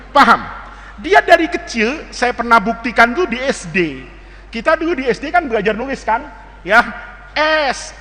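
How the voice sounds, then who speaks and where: An Islamic teacher with an Indonesian accent gives students a playful religious lesson in a very high, pushed, bright voice that echoes in a big room. He jokes around and mimics dialects while spelling out words.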